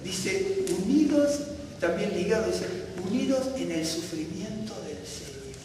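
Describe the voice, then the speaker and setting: Male Bible teacher, high voice, chatty and questioning, recorded far off in a reverberant hall with faint noise. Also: sing-song, a little slow. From Argentina. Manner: conversational, checks in with listeners often. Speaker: teacher at a congregation.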